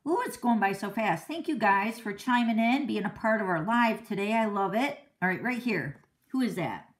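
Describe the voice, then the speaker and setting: A woman's voice: medium pitch, lively intonation, moderate pace. A middle-aged woman hosting a card-making livestream, chatting casually with viewers in a boisterous, outspoken way and laughing often. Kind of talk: casual live-stream chat.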